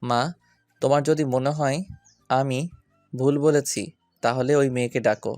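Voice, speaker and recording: A woman's voice: a bass voice, fairly even intonation, measured pace, darkish tone, dry recording, faint music behind, pitched below the performer's own voice. A woman voicing a young adult son who stubbornly presses his mother. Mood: insistent. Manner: insistent, pressing.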